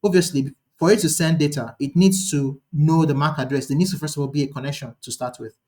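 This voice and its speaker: A man teaching a live online lecture, talking quickly and thinking aloud, often restarting his sentences. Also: on the high side, steady tone, mellow. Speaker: instructor.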